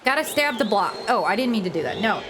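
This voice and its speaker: A woman's voice: mid-range voice, sing-song, fast, noisy background. A woman streamer giving casual, sarcastic, self-mocking commentary while she plays a game. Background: game music.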